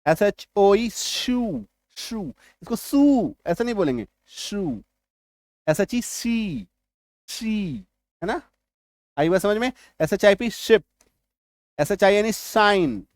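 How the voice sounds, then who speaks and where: Male tutor, high voice, dry close sound, repetitive explaining style. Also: no room sound. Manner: repetitive, checks in with "है ना" and "ठीक है"; spells words out letter by letter slowly. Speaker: English teacher. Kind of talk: spoken lesson to viewers.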